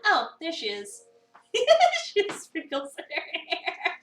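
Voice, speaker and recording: Her voice here is high, very animated, sharp and a little slow, over slight background noise. She's a woman streaming a visual novel, reading it theatrically and playfully with offhand remarks. It's captured on a distant mic in a roomy space, with music underneath.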